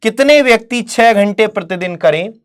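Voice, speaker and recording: A woman with a voice of ordinary middle pitch gives an online exam-prep maths lesson. She speaks to her students as "beta" and "mere bhai", asking questions and answering them herself. She reads the English wording of each problem slowly, then explains it again. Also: expressive. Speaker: maths teacher.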